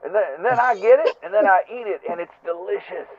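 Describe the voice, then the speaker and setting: A man's voice: sits high, quick pace, a crowd in the background. A man putting on a goofy, oversharing male caller who rambles cheerfully in a voicemail left over a phone line. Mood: rambling. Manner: rambling, chummy, self-important. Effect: heard over a phone line as a voicemail message. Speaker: recurring comic caller. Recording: tinny, dry phone line.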